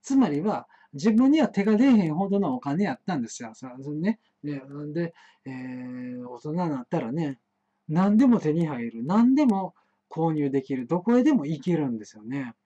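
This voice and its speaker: A man's voice: on the high side, animated, moderate pace, warm tone. A man with a Kansai accent telling a rambling childhood story, full of stammered restarts and fillers. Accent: Kansai Japanese. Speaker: host of an internet talk show. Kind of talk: rambling solo monologue, storytelling. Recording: muffled live-stream audio.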